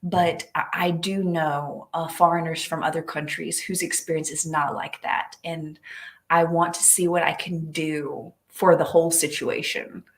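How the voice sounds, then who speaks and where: A woman's voice: sits low, steady tone, unhurried. A woman in her thirties hosting a casual online interview, upbeat and chatty, often restarting her sentences. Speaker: interview host.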